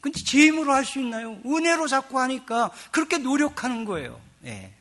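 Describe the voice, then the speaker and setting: A middle-aged male pastor delivers a sermon in a bright, forward voice that sits high for a man. His delivery is animated, dropping to hushed asides and rising to loud emphasis, and he slips into chatty, joking quoted voices. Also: brisk.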